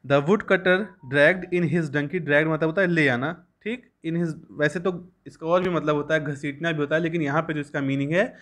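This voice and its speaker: A young man teaching a school English lesson, reading lines slowly and then explaining them at length. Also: fairly high pitch, steady tone, fairly bright tone.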